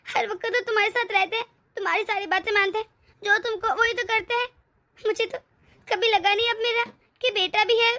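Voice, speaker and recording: A woman's voice: very high voice, fairly even intonation, brisk, sharp tone. A woman voicing a tearful, wounded mother-in-law. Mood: aggrieved. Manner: aggrieved, complaining, tearful. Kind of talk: animated family drama dub.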